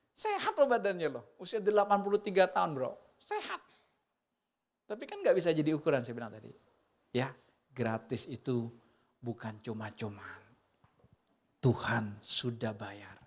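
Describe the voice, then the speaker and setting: A man with an Indonesian accent preaching a conversational sermon, often asking his congregation questions and swinging from loud emphatic bursts to soft, near-whispered lines. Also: mid-range voice. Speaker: pastor.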